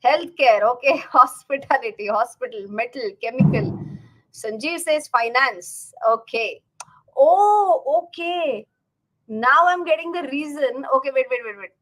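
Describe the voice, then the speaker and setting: Indian lady finance teacher chatting live to her viewers, voice a bit high, repeats words for emphasis. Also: a bit bright, poor audio. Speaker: host, finance educator. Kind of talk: casual livestream talk to viewers.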